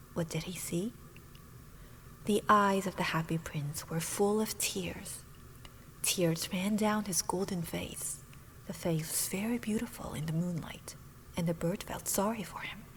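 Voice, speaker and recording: A woman whose first language is Korean, calmly reading a fairy tale aloud in a soft whispered role-play. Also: fairly low pitch, unhurried, long pauses, a little hiss or hum, poor audio. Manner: calm, soft whispered narration.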